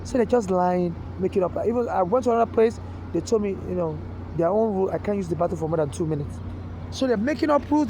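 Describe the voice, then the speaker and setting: A man in a high, quick voice. He pleads in a rambling, repetitive way, stalling on words as he restarts. Loud street traffic runs behind him the whole time. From Nigeria. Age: 40s. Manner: urgent, repetitive, stammering restarts. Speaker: street vlogger appealing for donations. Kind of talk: rambling direct-to-camera appeal. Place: outdoors on a city street.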